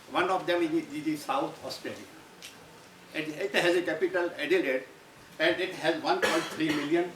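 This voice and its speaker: A man's voice: on the high side, fairly bright tone. A man giving a university lecture, rambling and restarting his phrases. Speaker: guest lecturer. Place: lecture hall. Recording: roomy, distant mic, audible background noise.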